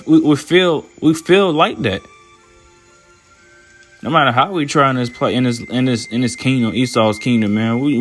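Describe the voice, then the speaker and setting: A man preaching informally and reading scripture aloud, repeating himself, restarting phrases and ending lines with "man" in a slangy, scolding way. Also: mid-range voice. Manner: repetitive, stammering restarts, tags "man" onto phrases. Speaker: self-styled preacher.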